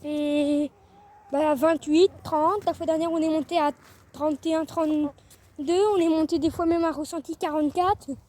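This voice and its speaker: Out in the garden beside her chickens' coop, a French teenager from the north of the country chats through a casual vlog. She speaks at a moderate pace in a high, steady voice with a dark tone, wandering between thoughts and leaving sentences unfinished.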